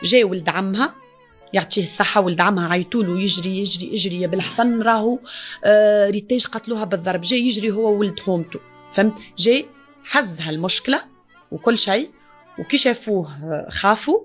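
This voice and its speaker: Distraught Tunisian mother, rapid speech. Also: medium pitch, slightly rough, faint music behind. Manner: distraught, pleading, grief-stricken. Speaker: mother of the victim. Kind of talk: emotional interview.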